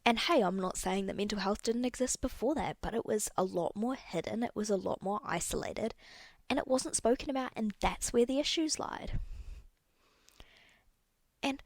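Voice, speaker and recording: Candid young woman with a gravelly edge. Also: a little high, normal speed, dry recording. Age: young adult. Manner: candid, rambling, self-correcting. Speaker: podcast host. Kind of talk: casual solo podcast talk.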